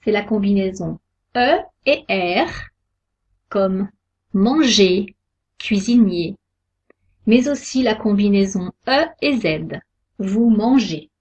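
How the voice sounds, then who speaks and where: Slow, husky woman teaching pronunciation. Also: medium pitch, animated, darkish tone. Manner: slow, careful, deliberate articulation of example words. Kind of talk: slow scripted lesson narration. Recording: dull lo-fi recording.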